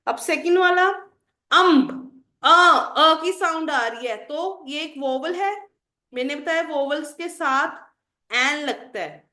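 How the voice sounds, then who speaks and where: Female teacher, high voice, roomy echo; quizzes the class and answers her own questions. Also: slow, bright, forceful tone. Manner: asks the class questions and answers them herself; addresses students as children. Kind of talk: explaining English grammar to students.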